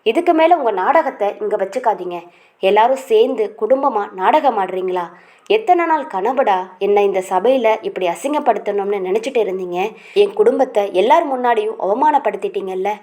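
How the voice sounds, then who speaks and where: A woman voicing a proud, vengeful older patriarch who shouts threats in a read-aloud novel. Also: mid-range voice, expressive, fairly quick, close to an everyday voice. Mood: furious.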